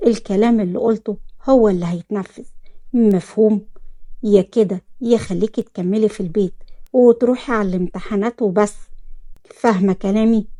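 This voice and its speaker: A woman doing a commanding young Egyptian man, curt orders, mellow low tone. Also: brisk, long pauses, lightly acted. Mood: bossy. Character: stern young businessman, bossy guardian cousin.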